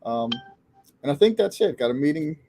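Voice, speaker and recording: A man co-hosting a live community conversation, talking in a halting way with many restarts. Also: fairly high pitch, big pitch swings, warm tone, slight background noise. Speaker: co-host.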